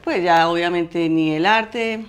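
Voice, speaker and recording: A middle-aged woman from Colombia, a guest artist telling her story in an interview, talking haltingly with many restarts and fillers. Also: fairly low pitch. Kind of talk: interview conversation.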